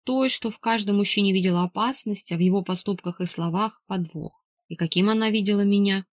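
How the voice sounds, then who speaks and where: A woman narrating a novel in the first person with steady storytelling. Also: mid-range voice, brisk, dry recording, clean studio sound. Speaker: audiobook narrator.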